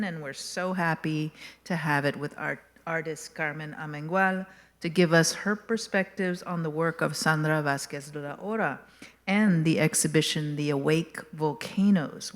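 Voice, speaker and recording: A woman introducing a museum event as host, upbeat and formal, reading prepared remarks. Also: low-pitched. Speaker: museum education director, host. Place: museum gallery. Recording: reverberant hall.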